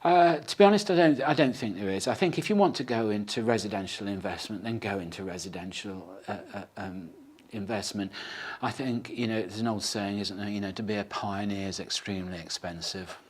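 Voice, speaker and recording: Husky low-voiced man. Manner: measured, hesitant with fillers and restarts. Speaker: property panel expert. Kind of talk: panel discussion answering questions.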